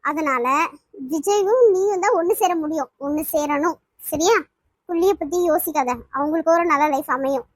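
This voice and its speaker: A woman's voice: sits high, moderate pace, no echo, clean studio sound, natural voice. Woman voicing a caring young woman friend. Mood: soothing. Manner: soothing, reassuring. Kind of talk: cartoon voice acting.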